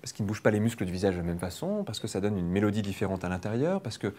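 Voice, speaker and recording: A man leading a public hypnosis demonstration, explaining quickly and playfully to a live audience. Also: fairly low pitch, very animated, a little mellow. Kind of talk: lively teaching talk to a live audience. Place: training room with an audience.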